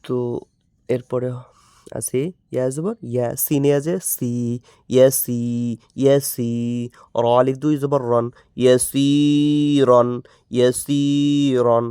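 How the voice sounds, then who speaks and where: A Bangladeshi man teaching Quran reading, spelling out letters and vowel marks and repeating each word slowly in drills. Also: medium pitch, flat delivery, warm tone, smooth, dry recording, studio quality. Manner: slow, drawn-out drilling with repeated syllables.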